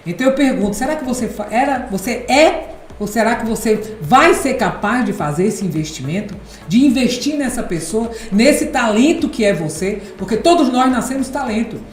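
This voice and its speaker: A woman from the Northeast hosting a podcast, speaking emphatically and repeating phrases for effect, with a deep contralto quality. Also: animated, moderate pace. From Ceará, Brazil. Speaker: podcast host and speaking coach. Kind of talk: casual podcast chat. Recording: echoey room, soft music behind.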